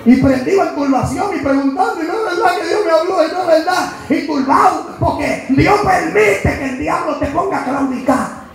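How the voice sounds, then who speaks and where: A man with a Dominican accent preaching with fervor, his voice pitched unusually high for a man. He drops to near-murmurs, then bursts into shouted points. The room rings with heavy echo while music plays behind him. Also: normal speed, creaky. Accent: Dominican Spanish. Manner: impassioned, swings from hushed asides to shouted emphasis. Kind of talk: sermon. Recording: echoey hall with music behind.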